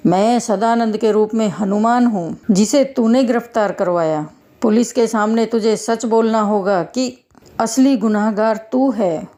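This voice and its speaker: Woman doing a calm god in disguise, firm and steady, mellow voice. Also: on the high side, measured pace, natural voice. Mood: stern. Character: calm divine monkey-god in a man's guise.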